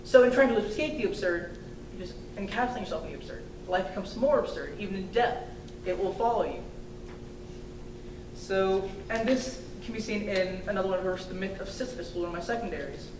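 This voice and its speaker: A young woman giving a student thesis defense presentation in a hesitant, halting way with informal hedging asides. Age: young adult. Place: indoor room, recorded from a distance. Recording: echoey room, distant mic, rumbling noise.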